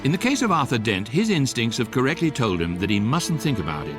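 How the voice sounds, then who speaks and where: In a comic science fiction radio play, a medium-pitched male actor narrates as a dry-witted electronic guidebook, speaking deadpan and measured over music. It's lightly acted and comes across as wry and instructive.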